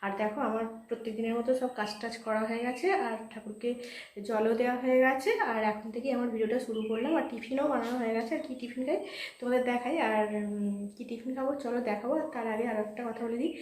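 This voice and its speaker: A hoarse woman chatting casually to her viewers as friends while cooking at home. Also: on the high side, steady tone, quick pace, darkish tone, roomy sound, rough recording. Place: home kitchen. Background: frying and sizzling.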